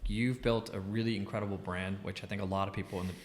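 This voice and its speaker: A man's voice: lowish voice, fairly even intonation, fast talker, a little hiss or hum. A man of about thirty co-hosting a podcast, asking questions in a chatty way with plenty of fillers and restarts. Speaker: podcast co-host. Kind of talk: casual interview talk.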